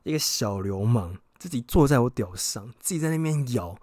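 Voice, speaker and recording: Young man, frank excitable storytelling, dry close sound. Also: mid-range voice, moderate pace, no room sound. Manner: frank, excitable, swears freely. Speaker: podcast host. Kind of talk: casual storytelling.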